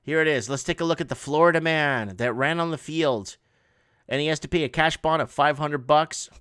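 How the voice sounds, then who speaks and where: Clear, resonant, and slightly bright, a man's somewhat high voice comes through in a dry studio recording. He's an online news show host whose first language is Portuguese, giving casual commentary as he reads articles aloud, hesitating, restarting often, and slipping in asides.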